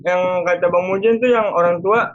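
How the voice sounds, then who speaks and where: A man's voice: sits high, steady tone, normal speed, no room sound. A young man, a guest on a casual chat podcast, talking in a laid-back, slangy way. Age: young adult. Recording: dull dry sound.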